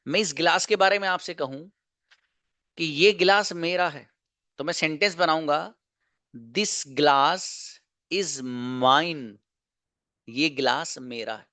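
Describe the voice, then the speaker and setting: Guy teaching english grammar online, bit high voice, dry sound, keeps asking questions and repeating examples. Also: pushed and bright, dry recording. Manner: explains slowly, repeats examples and asks rhetorical questions.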